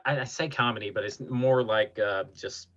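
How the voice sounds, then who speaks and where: A man hosting a casual podcast, retelling scenes in an animated way. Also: on the low side, normal speed, lo-fi sound, a crowd in the background. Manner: animated retelling with acted quotes. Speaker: podcast host.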